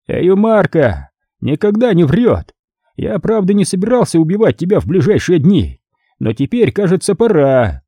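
A man's voice: high voice, sing-song, moderate pace, mellow, slightly rough, dry recording, voice pushed up, heavily acted. A man putting on a sneering crime lord. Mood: mocking. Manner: sneering, imperious, theatrical. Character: ruthless, mocking middle-aged male crime lord.

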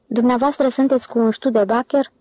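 A woman's voice: on the high side, steady tone, dark tone, no echo, natural voice, poor audio. A woman voicing an eager, persistent young male amateur driver who keeps pestering with questions in an audiobook. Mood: insistent. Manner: pestering, insistent.

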